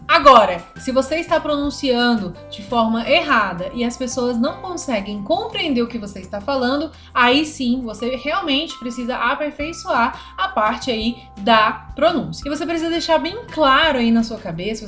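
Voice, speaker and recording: Woman from brasília teaching a lesson, pretty high voice, chatty, keeps asking the viewer stuff, soft music behind. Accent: Brasília Brazilian Portuguese. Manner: conversational, addressing the viewer directly with questions. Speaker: English teacher. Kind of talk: direct-to-viewer video lesson.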